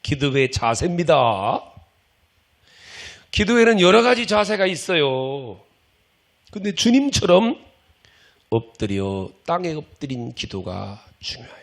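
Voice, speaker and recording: A man's voice: fairly high pitch, sing-song, slow, long pauses. A middle-aged male pastor preaching a sermon, folksy and impassioned, scolding the congregation and acting out pleading prayers.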